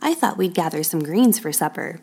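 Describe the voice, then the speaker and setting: Woman reading a calm, gentle father rabbit. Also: fairly low pitch, moderate pace, gravelly, slightly rough, exaggerated voice. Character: kind, steady father rabbit.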